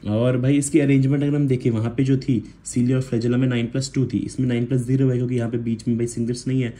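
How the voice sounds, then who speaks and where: A man's voice: medium pitch, flat delivery, fast, warm tone. A young man from India, casually explaining biology for revision in a chatty way and often calling the listener brother. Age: young adult. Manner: chatty, calls listener bhai constantly, counts aloud. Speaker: student making revision videos. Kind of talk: casual lesson.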